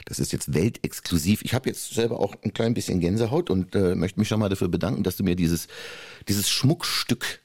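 A man's voice: low voice, fairly quick, darkish tone, dry recording, studio quality. A man hosting a radio show, chatting casually with a colleague in a jokey, effusive way. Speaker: radio host interviewing a colleague. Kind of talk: casual chat.

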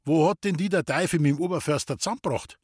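A man voicing a gruff older forester who grumbles and barks questions. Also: a little high, fast, darkish tone, dry recording, clean studio sound, pitched above the performer's own voice. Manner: brusque, grumbling.

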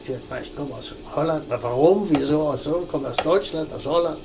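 An older man telling a personal story in an interview, halting, with many restarts and fillers. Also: fairly high pitch, background noise.

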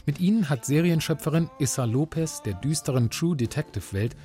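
A man's voice: on the high side, expressive, brisk, dark tone. A man with a standard German accent narrating a scripted radio review as a reporter. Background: faint music.

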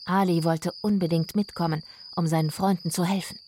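Eine Frau, die ruhig eine Kinderhörgeschichte vorliest. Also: female voice, on the low side, fairly quick, slight background noise. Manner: calm, storytelling. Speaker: narrator. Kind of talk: children's audiobook narration.

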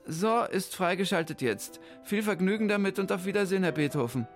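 A man voicing a fussy, brisk female office clerk in a children's story. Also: high voice, lively intonation, soft background music, pitched above the performer's own voice. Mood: officious. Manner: brisk bureaucratic chatter.

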